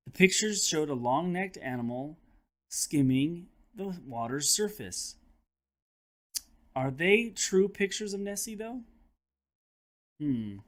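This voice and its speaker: Speaking in a voice on the high side, a man who teaches third grade reads aloud from a nonfiction book for kids. He addresses the young audience directly, with a lively, classroom-style expressiveness.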